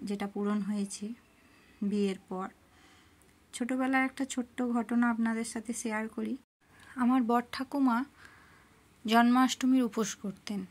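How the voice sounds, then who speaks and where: A middle-aged woman narrating her cooking and home worship step by step in a soft, homely way. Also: fairly high pitch. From rural Bengal. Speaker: cooking and devotional vlogger.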